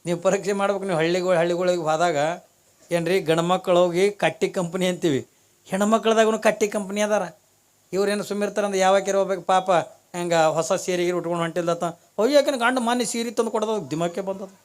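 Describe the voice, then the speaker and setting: A man preaches to an audience in a high voice. He tells a comic story and acts out its characters' voices, pausing to put questions to his listeners. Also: steady tone. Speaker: religious speaker.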